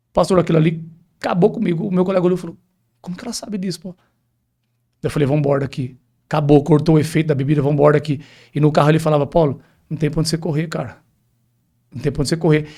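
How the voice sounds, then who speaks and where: Brazilian man with a fairly high voice. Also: gravelly, darkish tone. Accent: Brazilian Portuguese. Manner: vivid storytelling, acting out quoted dialogue. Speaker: pastor, podcast guest giving testimony. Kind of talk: personal testimony on a podcast.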